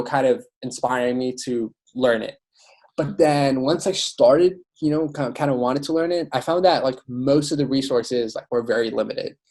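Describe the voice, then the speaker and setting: A young man born in Iraq, a student author and educator, talks informally and enthusiastically as a podcast guest, peppering his speech with "like" and "you know". His voice is medium-pitched and a little mellow, suited to casual interview talk.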